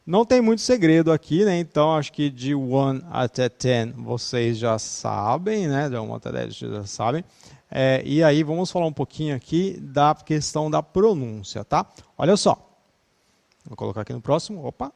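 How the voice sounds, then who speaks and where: A man's voice: fairly high pitch, animated, measured pace, gravelly, a little mellow. Chatty Brazilian man teaching English. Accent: Brazilian Portuguese. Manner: chatty, says "né" constantly, laughs easily. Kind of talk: online class.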